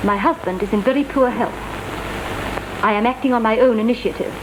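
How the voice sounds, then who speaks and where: A woman's voice: fairly high pitch, a little fast, natural voice. A woman playing a haughty upper-class English aunt, hissy 1930s film. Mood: imperious, formal. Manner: formal, clipped, condescending. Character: haughty, disapproving aristocratic aunt, middle-aged English lady. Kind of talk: 1930s drawing-room comedy acting, witty period banter. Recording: noisy, hissing 1930s film soundtrack.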